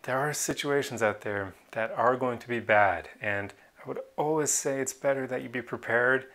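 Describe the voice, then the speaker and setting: A man's voice: mid-range voice, normal speed, a bit bright. A man talking earnestly to camera in a casual opinion vlog, with an opinionated tone and a laugh now and then. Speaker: vlogger.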